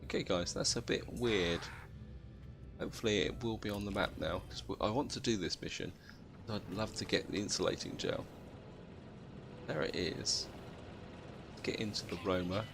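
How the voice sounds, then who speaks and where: A man's voice: on the low side, very animated, moderate pace, vocal fry, pauses often. A British man, sounding half asleep, giving casual commentary as he hosts a video game playthrough. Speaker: video game let's-play host. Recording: noticeable background noise.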